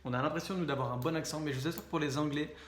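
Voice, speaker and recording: A young French man talking casually to camera, chatty, with frequent fillers and quick self-corrections. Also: a little high, steady tone, roomy sound, slight background noise. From France. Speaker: vlogger and speaking coach.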